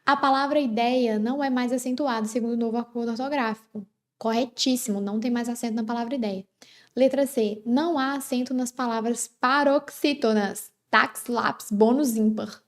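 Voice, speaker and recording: A woman's voice: on the high side, fairly even intonation, normal speed. A Brazilian woman teaching an exam-prep grammar lesson in a chatty way, filling her talk with "né" and asking the class questions. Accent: Brazilian Portuguese. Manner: chatty, full of "né" and rhetorical questions.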